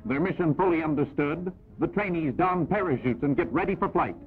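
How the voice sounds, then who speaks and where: A man narrating an old 1940s newsreel in a brisk, upbeat announcer manner, his voice pitched a little high. The sound is tinny and thin, like an old film soundtrack. Faint music plays underneath.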